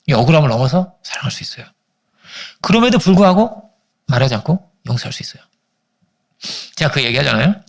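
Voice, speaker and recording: A male pastor delivers a sermon in a raised, lively voice that swings up and down as he talks. He drops to soft, quiet words for emphasis and acts out the people in his stories. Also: quick pace, vocal fry, pauses often. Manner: animated storytelling, acting out family quarrels in high voices.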